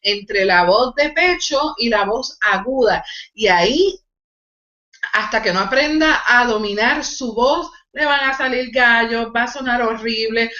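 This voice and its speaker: A woman's voice: a little high, bright, forceful tone, roomy sound, highs cut off. A woman vocal coach teaching a live online singing lesson, explaining technique and demonstrating nasal exercises. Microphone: video call.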